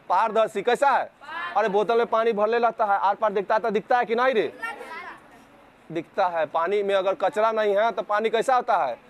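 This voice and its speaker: A man's voice: high-pitched, slight background noise. A male physics teacher with a Bihari accent, lecturing a class and firing repeated questions at the students, sometimes scolding them.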